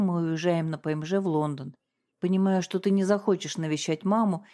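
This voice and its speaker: A woman's voice: on the low side, warm tone, close to an everyday voice. A woman reading out a letter from a wealthy estranged sister, formal and apologetic.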